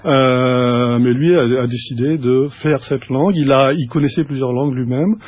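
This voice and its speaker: Husky man explaining, halting speech. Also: medium pitch, no echo. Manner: explanatory, halting with many restarts and fillers. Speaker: guest speaker. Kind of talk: radio studio conversation. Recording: dull lo-fi radio recording.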